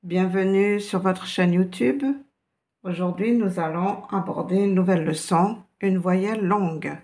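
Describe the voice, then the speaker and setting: A woman's voice: fairly low pitch, steady tone, a little slow, darkish tone. A woman teaching a beginner language lesson, explaining patiently step by step. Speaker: Arabic teacher.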